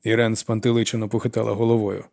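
Steady male audiobook narrator. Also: fairly low pitch, fast talker, creaky.

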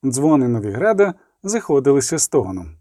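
A man narrating an audiobook with an expressive, dramatic reading. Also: medium pitch, brisk, dry recording, clean studio sound.

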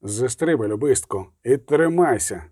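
A man's voice: mid-range voice, expressive, normal speed, warm tone, breathy edge, no room sound, studio quality. A man voicing a hardened male monster hunter who barks curt orders. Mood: urgent.

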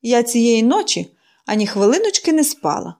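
A woman's voice: a little high, sing-song, normal speed, darkish tone. A woman reading a storybook and voicing a bitter, bedridden woman in her forties who answers dryly and grudgingly. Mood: weary. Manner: dry, grudging, sardonic.

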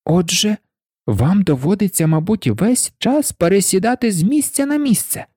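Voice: medium pitch, lively intonation, moderate pace, warm tone, breathy edge, dry recording, clean studio sound, voice pushed up. A reader voicing a curious, polite young girl in a storybook, asking questions in an inquisitive manner. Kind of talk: storybook reading.

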